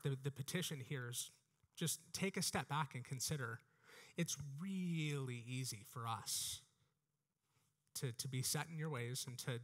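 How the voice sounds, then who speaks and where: On a church stage indoors, an American man in his thirties preaches an earnest, exhorting sermon through a headset mic. His mid-range voice has a fairly bright tone, and phrases come back again and again.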